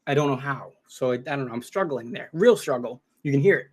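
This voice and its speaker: A man's voice: medium pitch, fast. Earnest man thinking aloud. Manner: earnest, searching, many restarts. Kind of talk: casual discussion.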